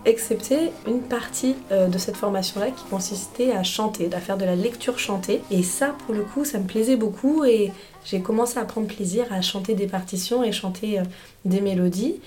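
Woman pianist being interviewed; measured, articulate, mellow. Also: mid-range voice. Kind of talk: interview answers.

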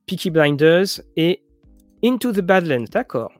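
A man's voice: high-pitched, big pitch swings, a little slow, no echo, soft background music. A man hosting a casual show about role-playing games and series, rambling with many restarts and fillers. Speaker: tabletop RPG and series show host. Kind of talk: casual chat to viewers.

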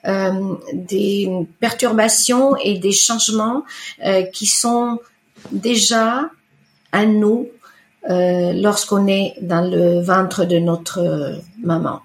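In a conversational interview with a roomy echo, a middle-aged iridologist who speaks Italian as her first language describes her work. Her mid-range voice is hesitant, with frequent pauses, fillers and restarts.

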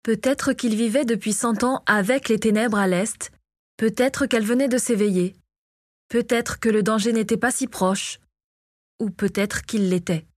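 Calm woman narrating an audiobook. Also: on the high side, a little slow, no room sound, clean studio sound. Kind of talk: scripted narration of a fantasy novel.

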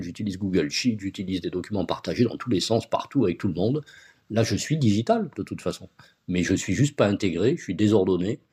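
A man's voice: lowish voice, darkish tone. A man being interviewed as a guest on a podcast, explaining things step by step with concrete examples. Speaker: guest, agency founder.

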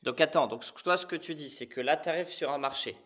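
A man's voice: fairly high pitch, quick pace, fairly bright tone. Man hosting a casual interview. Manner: probing, recaps the guest's points. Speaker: podcast host.

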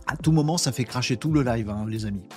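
A man's voice: medium pitch, fast talker, a little mellow, soft background music. A man hosting a live stream, chatting loosely with many fillers and reading out viewer comments. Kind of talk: casual live stream chat.

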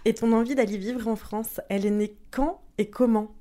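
A woman interviewing for a podcast, asking short questions in a calm, brief manner. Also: fairly high pitch, moderate pace.

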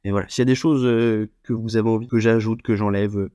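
Man with a dry, low-pitched voice. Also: steady tone, quick pace, warm tone, clear, resonant tone, no room sound. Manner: hesitant, many fillers and restarts. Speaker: podcast host. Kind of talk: unscripted solo podcast talk.

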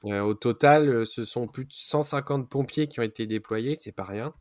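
A man presenting a zoo news roundup on a podcast, often pausing with fillers and correcting himself. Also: medium pitch, darkish tone. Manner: frequent hesitations and self-corrections.

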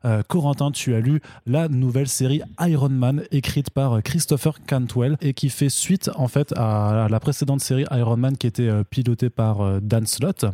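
A man's voice: mid-range voice, normal speed, few pauses, dark tone, no room sound, studio quality. A man hosting a podcast in casual chat, hesitant, with many fillers and restarts. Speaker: podcast host.

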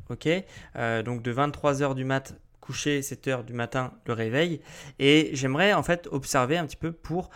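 Easygoing man hosting a podcast. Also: medium pitch. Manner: relaxed, many fillers and hesitations. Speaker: podcast host. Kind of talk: casual solo podcast talk.

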